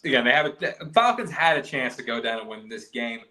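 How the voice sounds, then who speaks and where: A man's voice: mid-range voice, animated, a little fast, sharp tone. A man co-hosting a sports podcast, talking football in a wry, blunt way and swearing for emphasis. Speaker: podcast co-host. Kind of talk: casual sports chat.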